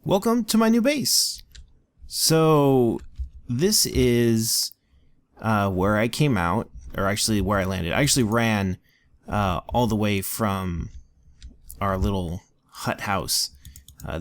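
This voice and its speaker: A man's voice: lowish voice, steady tone, unhurried. A man casually narrating a tour of a game world, rambling with lots of ums and likes. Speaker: let's play co-host. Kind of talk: casual gameplay commentary.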